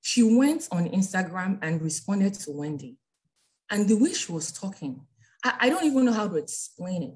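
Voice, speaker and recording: A woman's voice: mid-range voice, very animated, normal speed, a little mellow. A woman leading a casual bible study over a group call, talking in a chatty way and often ending her points with "right?". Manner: chatty, ends phrases with "right?".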